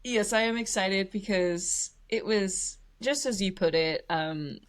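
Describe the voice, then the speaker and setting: A woman talking casually as co-host of a film review podcast. Her voice sits at an ordinary middle pitch, and she often breaks into laughter and quick acted-out lines from the movie.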